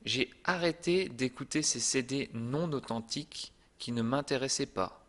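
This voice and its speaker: Slow, calm French teacher, a man. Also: mid-range voice. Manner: slow and deliberate, calm reassuring delivery. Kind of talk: slow scripted lesson narration.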